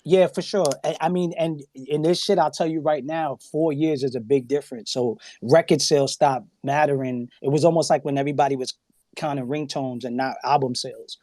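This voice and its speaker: A man chats on a podcast, slightly higher than most men, and tells stories with animated energy, slipping into quoted voices. He swears freely and laughs often. The sound is dry and close. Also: fairly quick, no echo. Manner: profane, emphatic. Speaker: guest on a podcast. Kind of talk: casual podcast chat.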